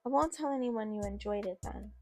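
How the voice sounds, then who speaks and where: A woman's voice: mid-range voice, brisk, soft background music, close to an everyday voice. A woman voicing a shy teenage boy. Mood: bashful.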